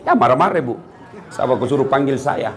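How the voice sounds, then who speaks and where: A middle-aged man with a mid-range voice preaches briskly, with some chatter audible behind him. His sermon is comedic and animated, and he teases the congregation by calling out to them.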